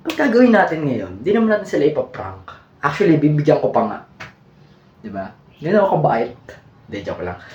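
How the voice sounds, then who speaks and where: A man's voice: mid-range voice, darkish tone, muffled recording, a little hiss or hum. A man with a Filipino accent hosting a vlog, teasing and playful, laughing at his own jokes. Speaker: vlogger host. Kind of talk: casual joking vlog chat.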